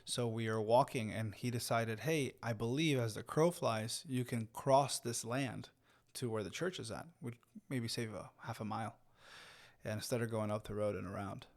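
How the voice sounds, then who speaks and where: A man's voice: medium pitch, normal speed. A man in his thirties from Mexico, co-hosting a podcast and telling a long personal story with many fillers and restarts. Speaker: podcast co-host. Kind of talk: casual storytelling chat.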